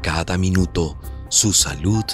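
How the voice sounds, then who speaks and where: A man reading scripted documentary narration in a measured, solemn way. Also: low voice, faint music behind.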